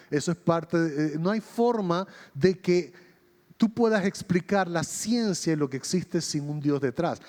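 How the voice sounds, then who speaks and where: A man preaching a sermon as pastor, telling a story and acting out its dialogue with changing pitch and pace. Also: a little mellow. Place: church hall. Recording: long reverb of a church hall.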